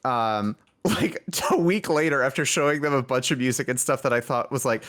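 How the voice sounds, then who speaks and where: Speaking briskly in a mid-range, slightly bright voice, a male indie game developer and music lead appears on a podcast. The interview is casual, and he rambles informally, regularly cutting into his own sentences.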